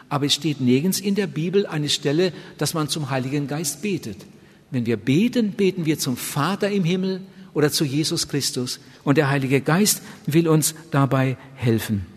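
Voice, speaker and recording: A man's voice: a little high, a little mellow, slightly rough. A man preaching a sermon in an earnest, emphatic way, with a long hall reverb on his voice.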